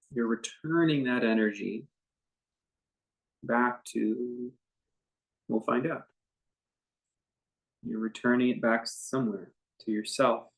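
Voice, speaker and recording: Recorded roughly, a male meditation teacher with a mid-range voice guides the practice. He speaks casually without a script, his gentle words coming haltingly amid long pauses.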